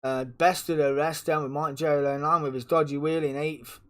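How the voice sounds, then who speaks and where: A man with a croaky, sore-throated voice, chatting casually as host of a racing league stream and talking to himself while he sets things up. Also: on the high side, level tone, fairly quick, fairly bright tone. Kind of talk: casual live-stream race commentary.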